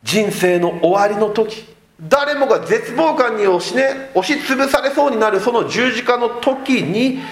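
A man preaching a sermon as a pastor, swinging between loud emphatic lines and soft low asides. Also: lively intonation, a little slow, roomy sound.

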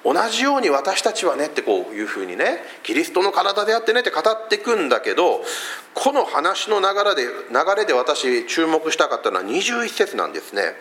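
A man's voice: a little high, huge pitch swings, brisk, a bit bright. A man from Fukuoka with a Hakata accent, preaching a sermon in a conversational way, with many rhetorical questions. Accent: Hakata dialect. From Fukuoka, Japan. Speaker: pastor.

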